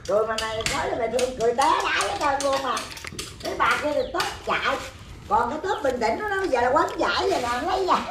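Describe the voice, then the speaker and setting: An older woman, chatting outdoors and telling a long, animated story with plenty of exclamations. Her voice sits a little high. The recording is noisy, with animals audible in the background. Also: racing. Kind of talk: casual chat.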